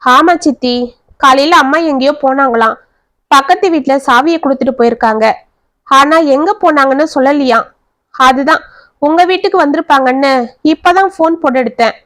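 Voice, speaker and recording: An anxious young husband who keeps pleading for answers about his missing mother, as a woman storyteller puts him on. The voice stays high and close, recorded dry with no room sound. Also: fairly quick, fairly bright tone, dry recording. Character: worried young married man, son searching for mother.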